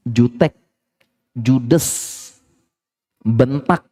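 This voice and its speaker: A middle-aged male Islamic preacher giving a lively sermon and acting out little everyday dialogues. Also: mid-range voice, extremely slow, faint music behind.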